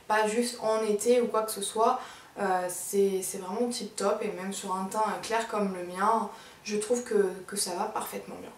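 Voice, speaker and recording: A woman beauty vlogger chatting casually and enthusiastically about her monthly favorite products, pausing often with fillers. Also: medium pitch, slight background noise. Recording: roomy sound from a distance.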